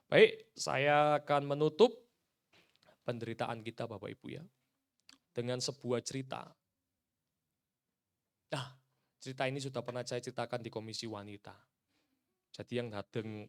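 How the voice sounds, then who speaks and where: A male pastor preaches directly to his congregation in a medium-pitched voice, rising to loud, emphatic peaks and dropping to hushed, near-whispered endings.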